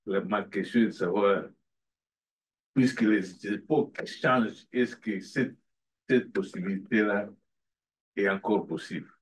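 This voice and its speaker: A man, asking a panel a long question in an earnest, halting way. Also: on the low side. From Democratic Republic of the Congo. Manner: halting, restarts often, earnest. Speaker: audience member asking a question. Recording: from far off in a room.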